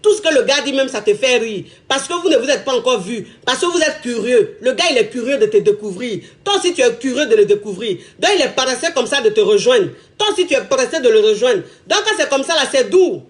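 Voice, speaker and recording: A woman's voice: on the high side, expressive, brisk, few pauses. A woman giving casual relationship advice, chatty, repeating phrases and laughing often.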